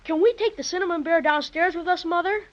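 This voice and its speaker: A woman playing an eager, excitable young boy, in 1930s radio drama acting. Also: very high-pitched, fast talker. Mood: earnest. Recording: muffled old radio recording.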